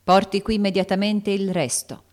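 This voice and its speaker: A woman reading aloud and voicing an irritable older male schoolteacher who gives orders in a booming, commanding voice. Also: little pitch movement, moderate pace, a little mellow, lightly acted. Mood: stern, scolding. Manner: stentorian, commanding.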